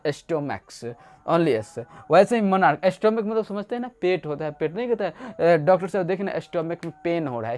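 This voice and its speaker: Playfully explaining English grammar, a man acts out small stories and tosses out rhetorical questions along the way. His voice sits high with a darkish tone.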